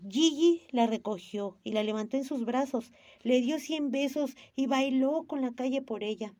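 A woman reads a storybook aloud, slipping lively into each character. Her tone is mellow and warm, pitched a little high. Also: moderate pace, no echo. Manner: lively, varied character voices. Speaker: narrator. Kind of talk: storybook reading.

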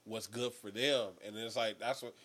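A man co-hosting a casual podcast who talks in an earnest, reflective way, thinking out loud. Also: fairly low pitch, steady tone, normal speed. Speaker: podcast co-host.

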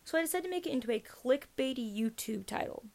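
A woman's voice: sits high, animated, quick pace, creaky, darkish tone. A teenage girl hosting a casual rambling podcast, chatty and self-mocking, jumping between topics. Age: teens. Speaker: podcast host.

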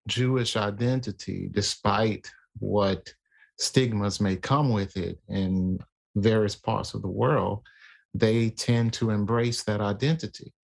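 A man in casual conversation about faith, talking in a halting way with many fillers and restarts. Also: lowish voice, creaky.

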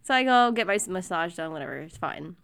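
A young woman chatting casually and telling stories, relaxed and often laughing. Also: fairly low pitch, quick pace, gravelly, clean tone. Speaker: co-host. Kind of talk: casual storytelling chat.

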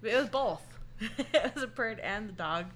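Bright, very animated woman podcast co-host. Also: mid-range voice, measured pace, slight background noise. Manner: animated, playful. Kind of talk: casual comedic banter.

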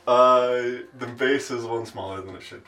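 A man's voice: mid-range voice, normal speed, pushed and bright. A man talking casually as game master during a tabletop game session. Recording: music playing behind the voice. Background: background music.

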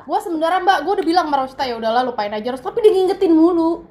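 Chatty co-host: a high, animated woman who tells stories fast and giggles. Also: a loud crowd. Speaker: podcast co-host. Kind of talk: casual chat.

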